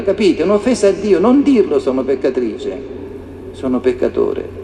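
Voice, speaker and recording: A man's voice: a little high, warm tone, a little hiss or hum. A man preaching a sermon with passion, asking rhetorical questions again and again. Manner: impassioned, repeats rhetorical questions. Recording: echoey hall reverb, faint ambience.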